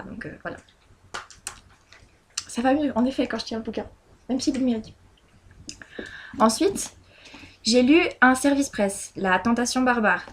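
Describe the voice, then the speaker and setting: A book blogger chats casually through her monthly reading review, hesitant and full of fillers and restarts. Her voice is mid-range, with slight background noise.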